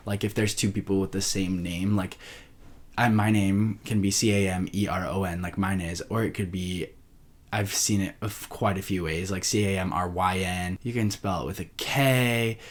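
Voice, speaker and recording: A man's voice: deep voice, moderate pace. A young man hosting a solo podcast, rambling casually and interrupting himself as he chats. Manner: rambling, self-interrupting, chatty. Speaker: podcast host.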